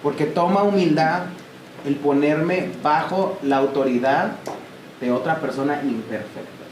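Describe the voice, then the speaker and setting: A man's voice: fairly high pitch, unhurried. Emphatic man preaching in an echoey hall. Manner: emphatic, animated, addresses listeners directly. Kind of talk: church talk. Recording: echoey church room with noise.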